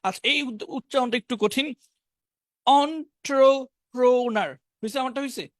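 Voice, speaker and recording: Brisk man teaching English. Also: very high-pitched, pushed and bright, dry recording, clean studio sound. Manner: brisk, explanatory, drills words in pairs. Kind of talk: online class lesson, reading word lists.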